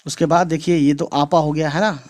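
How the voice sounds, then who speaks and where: Man teaching Urdu to viewers: friendly "guys" address, patient repetition, slightly raised pitch. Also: steady tone, fairly quick, darkish tone. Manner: patient, repetitive explaining with frequent checks. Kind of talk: online language lesson.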